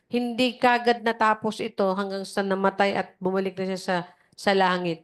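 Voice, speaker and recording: A woman giving a conversational sermon over a video call, acting out the voices she quotes and checking in with her listeners. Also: medium pitch. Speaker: preacher. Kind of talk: casual sermon.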